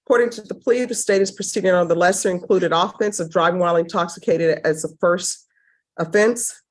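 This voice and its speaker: Woman judge on the bench, brisk and stern, lowish voice, courtroom recording. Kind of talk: formal courtroom proceedings.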